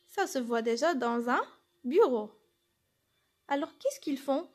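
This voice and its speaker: A woman's voice: sits high, expressive, takes it slowly, faint music behind. A woman teacher giving a lesson, explaining step by step and answering her own questions. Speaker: French teacher. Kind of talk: classroom lesson.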